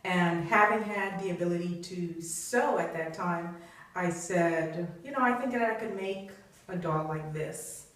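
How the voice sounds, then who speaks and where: A woman's voice: lowish voice, a little slow, fairly bright tone. A middle-aged woman from Trinidad and Tobago, a business professor speaking as an interview guest, talking thoughtfully with frequent fillers. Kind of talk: conversational interview. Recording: echoey room, distant mic.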